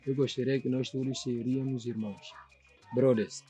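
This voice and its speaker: A male sculptor from São Tomé speaks with a São Tomé Portuguese accent in a documentary interview. His voice is mellow and warm, his delivery reflective and earnest, and he keeps checking that the listener is following. Soft music plays faintly beneath him. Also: mid-range voice, flat delivery, normal speed. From São Tomé and Príncipe. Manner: reflective, earnest, often asks "you understand?". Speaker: sculptor and painter.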